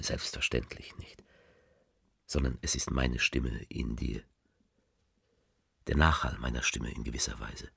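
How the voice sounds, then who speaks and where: A tender letter writer in a radio play, his voice extremely deep and rough with fry. The tone is breathy and husky, and it sits bone-dry and close to the mic. He reads slowly, often drifting into a hushed half-whisper. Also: no room sound, exaggerated voice. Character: male letter writer speaking tenderly to a loved one. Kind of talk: intimate literary reading, radio play.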